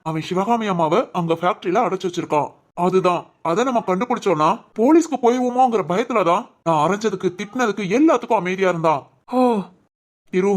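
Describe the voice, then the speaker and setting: A woman voicing the members of a homemade family drama in an emotional, conversational way. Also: mid-range voice.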